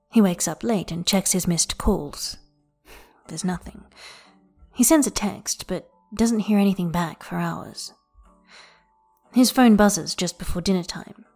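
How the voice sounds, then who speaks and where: A woman narrating a work of fiction aloud in a measured, even reading voice. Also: lowish voice.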